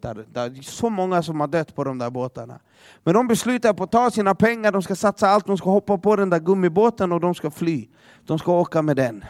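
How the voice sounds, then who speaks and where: A man preaching a sermon through a dramatic story, repeating words as he restarts and dropping to a hush for emphasis. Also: high voice, dry recording, studio quality.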